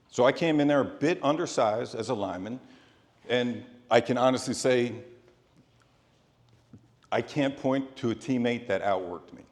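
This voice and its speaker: A middle-aged man delivering a prepared, sports-themed motivational speech in an earnest, deliberate way, in short phrases with pauses. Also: mid-range voice. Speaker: motivational speaker. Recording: echoey hall with long reverb.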